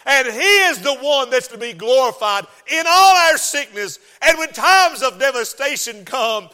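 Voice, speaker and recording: A man's voice: very high voice, animated, measured pace, pushed and bright, clean tone. A male pastor preaching a sermon in a church sanctuary, calling out to the congregation and building to outbursts. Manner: preaching with call-and-response and rising outbursts. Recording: long hall reverb.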